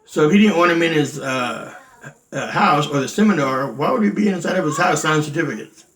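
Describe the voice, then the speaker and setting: A man's voice: a little high, lively intonation, brisk, a bit bright, slight background noise, rough recording. A man bluntly recounting a dispute in casual storytelling, indignant, swearing freely and using many fillers. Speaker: martial arts instructor recounting events. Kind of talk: candid storytelling.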